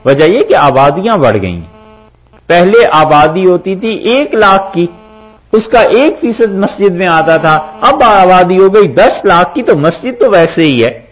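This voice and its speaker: Male preacher, rhetorical sermon delivery, somewhat high voice, muffled lo-fi recording. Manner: lively, rhetorical, quotes Arabic verses then explains. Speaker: mufti preacher. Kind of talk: sermon explaining Quran verses. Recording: dull lo-fi recording.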